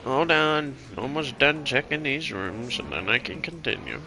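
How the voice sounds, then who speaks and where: A man giving casual gameplay commentary as a streamer, excitable, profane and joking. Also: mid-range voice, moderate pace, over music. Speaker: gaming streamer.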